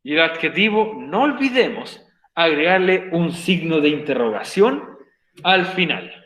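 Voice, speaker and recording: High-voiced man teaching in an echoey room. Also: very animated, measured pace, fairly bright tone. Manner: patient, repeats structures step by step. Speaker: English teacher. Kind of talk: online class explanation. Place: home, online class.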